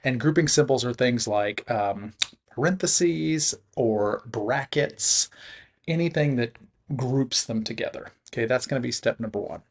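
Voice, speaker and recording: In a recorded math lesson, a man walks through the steps in a relaxed way and chuckles at his own slips. His mid-range voice is slightly rough and a little slow.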